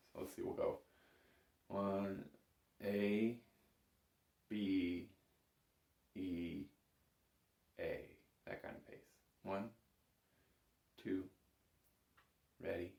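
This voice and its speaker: A bagpipe instructor gives a casual spoken lesson in an echoey room, sounding easygoing and reassuring. His low, mellow voice stays steady with vocal fry, and he speaks slowly with long pauses.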